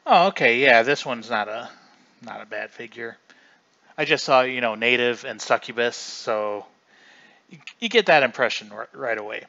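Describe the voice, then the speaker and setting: Bright-voiced man rambling on a livestream. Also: medium pitch, lively intonation, moderate pace, gravelly, highs cut off. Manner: chatty, rambling, often restarts mid-sentence. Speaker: livestream host. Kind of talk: casual livestream commentary.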